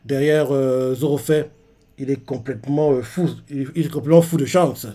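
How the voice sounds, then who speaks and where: A man's voice: mid-range voice, fairly even intonation, moderate pace, dark tone. A man recapping and reacting to a manga chapter in a casual live stream, rambling with many fillers. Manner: rambling, full of fillers like "en gros" and "quoi".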